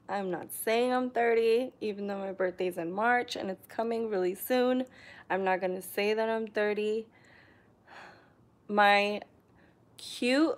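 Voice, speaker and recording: Reading live chat comments on a casual stream, a young New York woman talks unhurriedly from her living room, chatty but hesitant, with frequent ums and laughs. Her pitch sits mid-range, and a camera on a tripod captures the audio.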